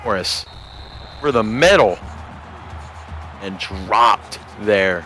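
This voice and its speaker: Male play-by-play caller, unhurried delivery, erupts on scoring plays. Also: lowish voice, animated, soft background music. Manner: measured, bursts into shouting on big plays. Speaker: play-by-play commentator. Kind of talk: sports commentary.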